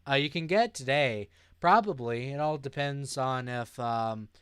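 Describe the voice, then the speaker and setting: Young man, sleep-deprived streamer, very slow drawl, crisp clear voice. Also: mid-range voice, fairly bright tone, dry recording, studio quality. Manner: slow, sleepy, reads chat aloud. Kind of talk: casual live-stream chat.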